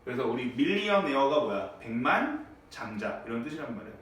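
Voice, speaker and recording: A man teaching a high school English class in a classroom, checking on students with frequent tag questions. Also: very animated, a little fast, a bit bright. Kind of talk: classroom lecture. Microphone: far from the mic. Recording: echoey classroom, distant mic, faint noise.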